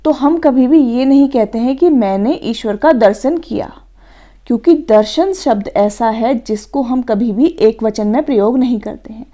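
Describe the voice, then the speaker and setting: A woman teacher slowly and patiently explaining grammar from a worksheet, step by step. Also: on the high side, mellow.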